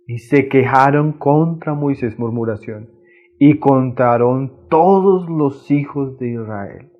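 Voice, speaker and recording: A male preacher giving a conversational sermon, often tagging his phrases with a friendly aside and swinging from emphatic raised lines to quiet drops. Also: medium pitch, phone-quality sound.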